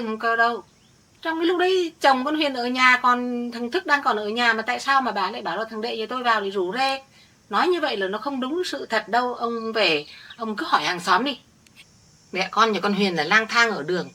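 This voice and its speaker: A woman's voice: on the high side, fairly quick, bright, forceful tone. A middle-aged woman playing a village woman who earnestly insists she is telling the true story. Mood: insistent. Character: older village woman defending her family. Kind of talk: village family drama acting.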